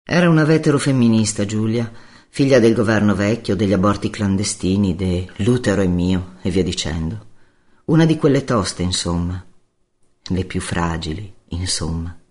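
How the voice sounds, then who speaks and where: A man's voice: on the low side, normal speed, darkish tone. A man narrating a first-person novel as an audiobook, in a wry, laconic storytelling manner.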